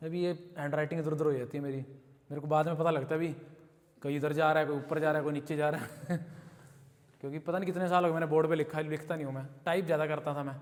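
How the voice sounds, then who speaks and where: A man with an Indian accent teaches English to a live class, explaining in Hindi and quoting example sentences. He checks with his students often, in a slightly high voice. The recording carries a long room reverb from the classroom. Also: steady tone, fast. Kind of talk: classroom lesson. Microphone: camera recording the class.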